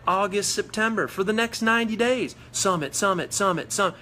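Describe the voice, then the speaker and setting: A man's voice: sits high, pushed and bright, a little hiss or hum. A man giving a fired-up motivational talk on a live video stream, preachy and repetitive as he urges his team on. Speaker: network marketing leader.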